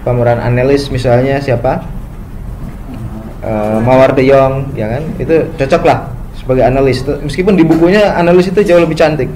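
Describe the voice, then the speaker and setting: A man giving a spoken lecture, often ending phrases with "gitu ya" and pausing on fillers. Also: mid-range voice, warm tone, a little hiss or hum, low-quality recording. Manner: frequent "gitu ya" tags, hesitant fillers.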